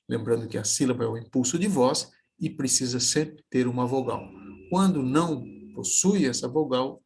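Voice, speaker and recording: A man teaching a video lesson, slowly sounding out example words syllable by syllable. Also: medium pitch, creaky, a little mellow, husky. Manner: slow, careful, spelling words out syllable by syllable.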